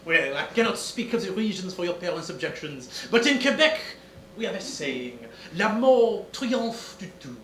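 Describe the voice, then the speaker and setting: An actor playing a pompous French-Canadian detective with a put-on accent in an old-time radio comedy stage show, theatrical and full of fillers. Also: male voice, sits high, very animated, normal speed, bright, forceful tone, slight background noise, exaggerated voice. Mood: smug. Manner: theatrical, hesitant with many fillers. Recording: roomy live stage recording.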